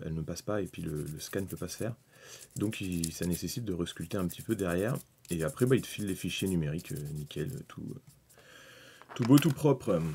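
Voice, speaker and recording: Husky French man streaming casually. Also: low-pitched, a little mellow. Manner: rambling, thinking aloud, with many fillers and restarts. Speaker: miniatures hobby streamer. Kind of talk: casual live-stream commentary.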